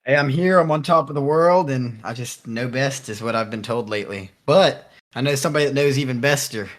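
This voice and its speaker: A man's voice: mid-range voice, brisk. A man co-hosting a casual podcast, rambling and joking with a cocky edge. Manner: cocky, rambling, laughs often. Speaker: podcast co-host.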